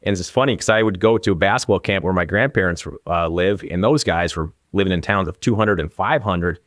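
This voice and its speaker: Talking fairly quickly in a low, slightly bright voice, this real estate agent in his forties appears as an interview guest. He's from northern Minnesota, with an Upper Midwestern accent, and tells casual anecdotes. The sound is clean studio audio with no room sound.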